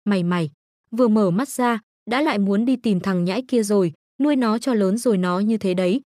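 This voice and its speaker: A woman's voice: medium pitch, brisk, a little mellow, dry recording, studio quality, close to an everyday voice. A woman voicing a furious older chairman, an overprotective father who scolds bluntly. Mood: exasperated.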